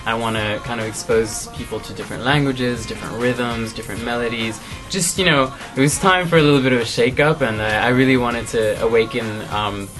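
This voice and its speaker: A young man from Canada, a singer, answering interview questions in a relaxed, thoughtful way with many fillers. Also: mid-range voice, fairly quick, hardly any pauses, faint music behind. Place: music studio, indoors.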